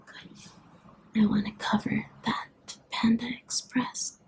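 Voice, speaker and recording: A soft spoken woman in her twenties whispering ASMR close to the mic in a hotel room. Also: fairly high pitch, little pitch movement, slow. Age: 20s. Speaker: beginner ASMR video maker. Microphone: close to camera or laptop, leaning in.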